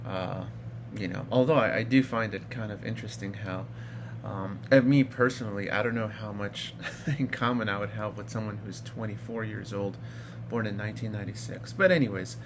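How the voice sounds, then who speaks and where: Man in his thirties, low voice, rambling casual storytelling, lots of fillers, noisy phone recording with hum. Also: steady tone, fairly quick. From Iraq. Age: 30s. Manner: rambling, with many fillers and restarts. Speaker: vlogger.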